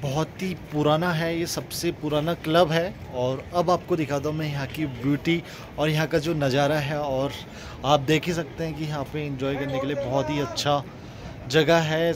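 His voice on the high side, an Indian-accented host in his thirties narrates a casual travel vlog with chatty tour-guide commentary, dropping English words into Hindi. He holds the phone camera at arm's length as he moves from a car to a lakeside spot outdoors and then into a wooden club. The phone recording is noisy with car and street sounds.

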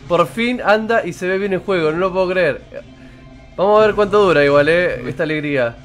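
A man's voice: high voice, a little fast, a bit bright, faint music behind. A man in his thirties with an Argentine accent, chatting casually on a live game stream and greeting viewers. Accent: Argentine Spanish. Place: indoor room with purple lighting.

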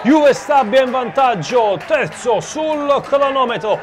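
A man doing live football commentary, calling a goal in an excited, raised voice. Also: very high-pitched, takes it slowly, music in the background, a crowd in the background. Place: outdoor stadium commentary position. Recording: noisy live stadium sound.

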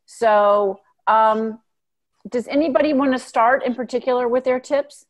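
A woman's voice: on the high side, a little slow. A woman hosting a podcast, chatting casually with her guests. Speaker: podcast host.

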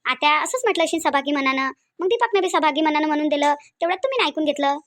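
A woman plays a cartoon young daughter-in-law with a Varhadi Marathi accent, high and quick. She soothes and pleads, trying to calm everyone down. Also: close to an everyday voice. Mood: pleading. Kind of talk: cartoon voice acting.

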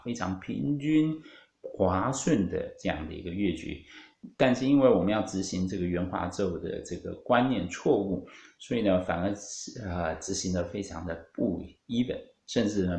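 A man with a fairly low voice and a Taiwanese Mandarin accent gives a guitar lesson. He explains patiently, with many fillers and a few English music terms. The room sounds roomy, and guitar music plays faintly at times. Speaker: guitar teacher.

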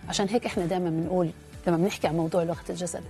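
A woman, a life skills trainer explaining things in an animated way as a guest on a TV talk show. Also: on the low side, very fast, soft background music.

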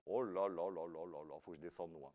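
A man's voice: low voice, fairly even intonation, a little fast, a little mellow. A man hosting a live quiz show, reading questions and scores with playful joking asides.

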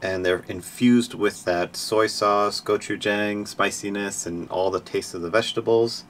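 Man, 30s, lowish voice, casual vlog chat, relaxed, small boat, faint background noise. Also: unhurried. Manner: relaxed, chatty, with little laughs. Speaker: sailing vlogger. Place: small boat cabin and deck.

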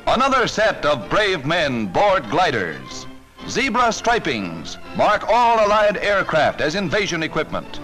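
A man's voice: fairly high pitch, huge pitch swings, unhurried, low-quality recording. A man narrating a 1940s newsreel in a rousing, emphatic announcer style, with the sound of an old newsreel. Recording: narration over loud orchestral music.

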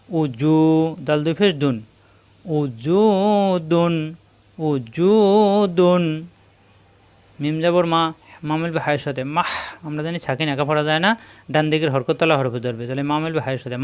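A man leads a tajweed lesson, breaking each word into letter-by-letter syllables. He then stretches the joined word out slowly, repeating it patiently. His voice sits a little high and comes through smooth and clear. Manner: spells syllables letter by letter, then draws out whole words slowly; patient, repetitive drilling. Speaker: Quran recitation teacher. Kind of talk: slow spelling-out tajweed lesson.

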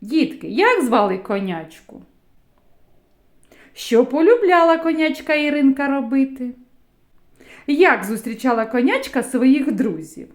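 A woman teaching a phonics lesson to small children, speaking slowly and clearly in a sing-song way. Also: high-pitched, animated. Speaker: preschool teacher.

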